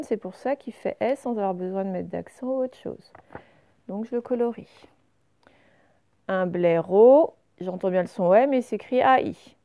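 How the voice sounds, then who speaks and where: A woman teacher going carefully through reading exercises for young pupils, saying each word clearly before explaining it. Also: medium pitch, darkish tone. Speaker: primary school teacher.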